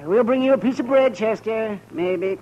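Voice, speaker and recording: An actor as Doc, high-voiced crusty frontier doctor. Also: male voice, moderate pace, warm tone, lightly acted. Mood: gleeful needling. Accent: American. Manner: dry, teasing, high-pitched. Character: crusty, needling, sardonic frontier town doctor. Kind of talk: 1950s radio western acting. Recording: dull, noisy vintage radio recording.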